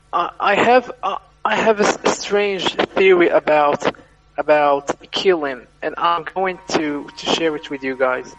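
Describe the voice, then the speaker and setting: A man on an online call whose audio keeps cutting out, clipping the ends of his words; he talks haltingly and repeats words as he searches for them. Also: fairly high pitch. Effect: choppy audio that cuts out with clipped endings from a bad connection. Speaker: guest on an online talk show. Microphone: computer mic on a call. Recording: distant mic with faint noise on an online call.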